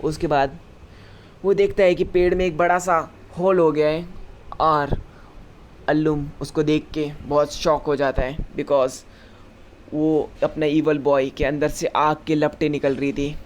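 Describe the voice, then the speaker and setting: A man's voice: on the high side, level tone, unhurried, a little hiss or hum. Chatty man recapping a story. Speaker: anime recap narrator. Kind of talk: casual story recap narration.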